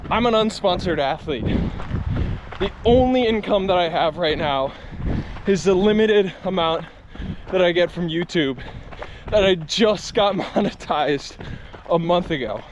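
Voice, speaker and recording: Slow-talking man, muffled, noisy outdoors. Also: sits high, animated. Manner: halting, short phrases, candid. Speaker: running vlogger. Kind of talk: reflective vlog talk while running. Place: outdoors, out on a run.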